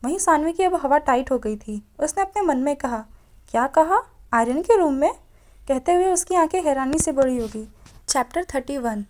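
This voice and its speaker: Narrating a romance audiobook, a woman with a high, animated voice reads a little fast over a faint hiss or hum. She gives each character a slightly different tone and fixes her mistakes as they happen.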